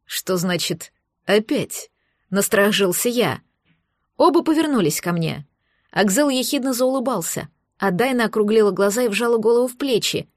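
A woman narrating a fantasy novel in first person, calm and measured. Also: on the high side, no echo, clean studio sound. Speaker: audiobook reader.

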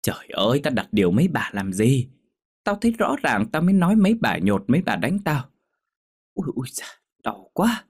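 A man's voice: fairly low pitch, lively intonation, brisk, few pauses, darkish tone, breathy edge. A man playing a grumbling old village mother. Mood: indignant. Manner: scolding, griping. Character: elderly woman, gossipy, grumbling mother.

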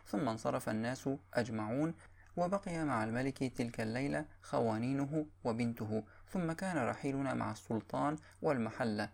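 Gravelly man reading classical prose aloud. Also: medium pitch. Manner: steady, measured recitation with formal diction. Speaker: narrator reading a historical text. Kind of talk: read-aloud narration of a classical text.

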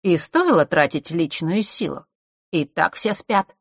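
A woman's voice: sits low, moderate pace, slightly rough, no echo, studio quality. A woman voicing an arrogant teenage boy who talks down to others and makes threats. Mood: scornful. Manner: condescending, threatening.

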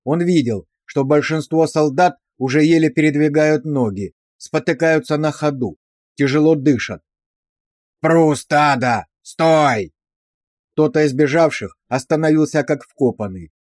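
Man reading an audiobook, slightly high voice. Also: moderate pace, darkish tone, no room sound, clean studio sound. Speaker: audiobook narrator. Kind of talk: scripted audiobook narration.

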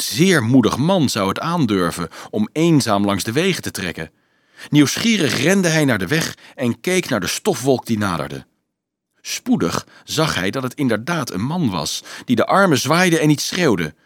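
Male audiobook narrator, mid pitch, calm storytelling, dry close mic. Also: no room sound. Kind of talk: scripted narration.

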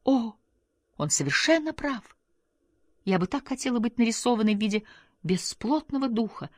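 A woman's voice: on the high side, big pitch swings, normal speed, a little mellow, no room sound, pitched above the performer's own voice. A woman voicing a gushing, affected society lady. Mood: rapturous. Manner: breathless, rapturous gushing. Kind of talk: audiobook character reading.

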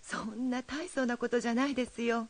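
A woman's voice: a little high, steady tone, fairly quick, dry recording, lightly acted. An actress playing an anxious, proper mother who speaks in polite, formal tones but grows insistent. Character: anxious, proper mother fretting over her son. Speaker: worried mother.

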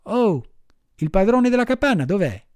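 A man's voice: sits high, normal speed, no echo, pitched above the performer's own voice. A man voicing an earnest wooden puppet boy. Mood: eager. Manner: earnest, lively.

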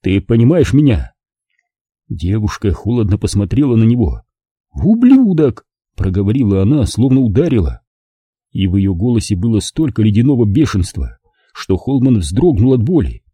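A male audiobook narrator tells a tense scene in a measured, expressive way. His voice is low, very dark and husky, with lively pitch movement. The recording is bone-dry and close to the microphone. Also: no room sound. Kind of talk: scripted narration.

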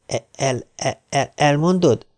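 A man reading an audiobook, voicing a boy who stutters heavily and speaks in a hushed voice. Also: mid-range voice, creaky, pitched above the performer's own voice. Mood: hesitant. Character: timid boy leader with a heavy stutter.

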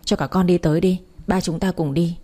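A woman voicing a calm, reassuring young man who coaxes his girlfriend in a spoken story. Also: fairly low pitch, a little fast, natural voice. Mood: coaxing. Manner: gentle, coaxing.

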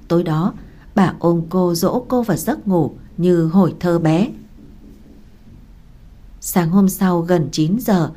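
A woman narrates a story with a steady, even delivery. Her voice sits low and sounds warm and mellow.

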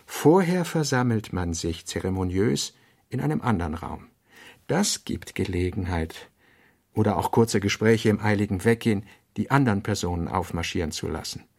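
Voicing a brooding thinker in a literary radio play, a male actor speaks in a lowish, husky, darkish and expressive voice. The character works through sketched notes in hesitant, pensive fragments punctuated by emphatic bursts.

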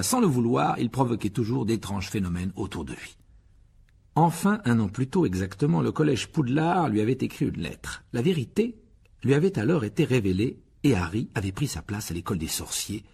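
A man reading a children's novel aloud as an expressive audiobook narration. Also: mid-range voice, creaky, a little hiss or hum. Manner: expressive storytelling.

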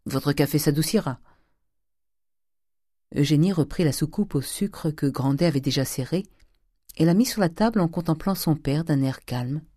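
A reader narrating a classic novel in a measured, even way. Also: medium pitch, no echo, clean studio sound. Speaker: audiobook reader. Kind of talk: literary audiobook narration.

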